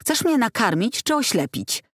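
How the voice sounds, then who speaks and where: A man's voice: very high-pitched, sing-song, moderate pace, dry recording, pitched above the performer's own voice, full character voice. A woman voicing a sarcastic, grumbling male chef in an audiobook, with a dry, reproachful tone. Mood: wry.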